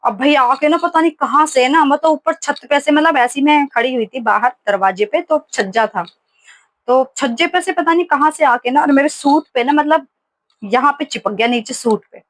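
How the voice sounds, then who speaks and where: A woman in her thirties chats casually for her home vlog from her kitchen. Her voice sits a little high and sounds close and dry, and she rambles through stories with plenty of fillers. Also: normal speed, no echo. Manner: chatty storytelling with many fillers. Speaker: vlogger.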